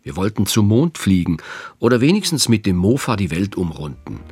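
A man's voice: fairly low pitch, big pitch swings, a little mellow, husky. A man in his fifties giving a reflective scripted radio narration as host. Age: 50s. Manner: reflective, measured.

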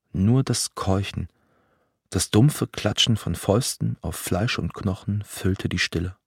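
A man in his thirties from Germany narrating a personal story in a measured, vivid, dramatic way. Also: fairly low pitch, darkish tone, breathy edge, no echo, studio quality.

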